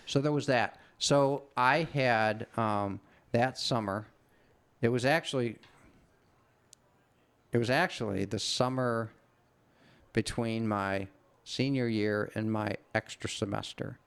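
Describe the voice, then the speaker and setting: A man's voice: medium pitch, takes it slowly, pauses often, fairly bright tone, clear, resonant tone. A middle-aged man casually telling a long, rambling anecdote on a podcast, swearing freely. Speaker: podcast co-host. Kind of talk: casual storytelling chat.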